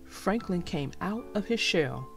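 Woman storyteller, children's read-aloud, slow, lively pitch, slightly creaky. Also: soft background music.

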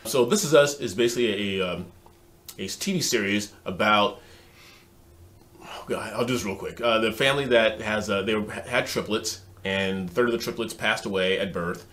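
A man co-hosting a casual talk show, relaxed with a dry, joking manner. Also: on the low side, moderate pace. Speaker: co-host. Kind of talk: casual chat.

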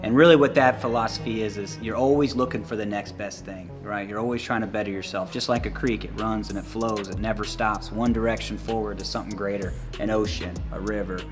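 A man's voice: lowish voice, steady tone, music in the background. A man, a college wrestling coach, giving a casual tour of his facility and filling his talk with "you know" and "um". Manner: rambling, fills every pause with "you know" and "um".

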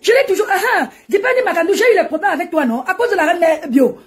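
High, lively woman ranting on a live stream. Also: fast talker, soft background music. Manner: mocking, lively, laughs often. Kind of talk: animated Facebook live rant.

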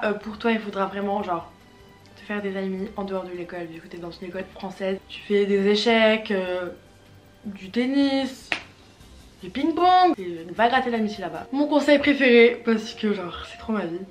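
Teen French girl, casual vlogger, slangy and playful, mid-pitched voice. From France. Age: teens. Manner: chatty, slangy, playful asides. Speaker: YouTuber. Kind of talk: casual vlog talk to camera. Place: home, in front of a fireplace.

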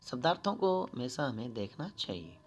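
A male teacher giving a patient school lesson, explaining each word one at a time and reading the verses slowly and more loudly. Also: medium pitch, big pitch swings, slight background noise. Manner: reads verses slowly and louder.

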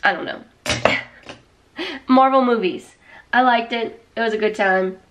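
With a fairly high, fairly bright voice and a slow pace, a woman vlogs from a small room at home into a camera or phone at arm's length. Her casual chat is congested and rambling, full of fillers and restarts.

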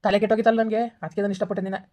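A woman's voice: lowish voice, little pitch movement, warm tone, close to an everyday voice. A woman playing a curt young man dumping his girlfriend. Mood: scornful. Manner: curt, scolding, rapid-fire. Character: harsh dismissive young man breaking up. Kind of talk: village skit acting.

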